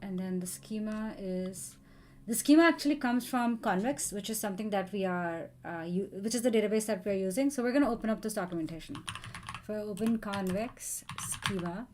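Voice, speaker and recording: A woman's voice: medium pitch, a little fast, a little mellow, a little hiss or hum. A woman live-streaming a coding session, thinking aloud and chatting with viewers as she works.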